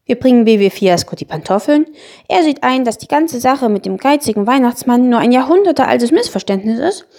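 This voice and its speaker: A woman voicing a bold, scheming young girl in a storybook reading, eager and brisk. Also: a little high, lively intonation, warm tone, voice pushed up.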